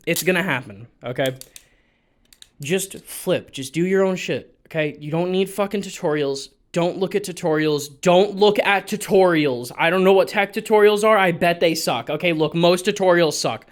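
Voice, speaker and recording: Young male vlogger, blunt and profane, rambling asides, slightly high voice. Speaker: balisong flipping vlogger. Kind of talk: casual advice vlog.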